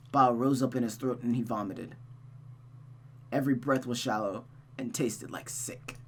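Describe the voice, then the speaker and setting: Slight background noise sits under a medium-pitched voice as a streamer expressively reads through a visual novel. The narration is dramatic, broken up by casual asides and frequent restarts of misread lines.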